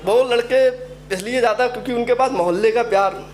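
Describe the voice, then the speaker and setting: High-voiced stand-up comedian from UP. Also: male voice. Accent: Uttar Pradesh Hindi. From Uttar Pradesh, India. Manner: storytelling, acts out characters in quick asides.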